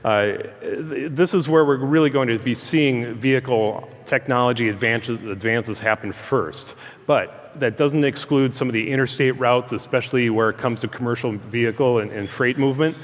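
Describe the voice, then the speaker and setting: Man presenting through loudspeakers in reverberant hall. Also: mid-range voice. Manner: halting, conversational delivery. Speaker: guest speaker, transportation engineer. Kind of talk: informal public presentation. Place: large room, speaking through a PA system.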